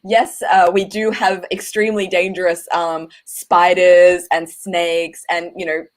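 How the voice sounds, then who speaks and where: A woman's voice: on the low side, little pitch movement, unhurried. A woman from Australia, chatting casually with lots of fillers and an easy, friendly manner. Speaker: guest. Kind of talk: casual chat.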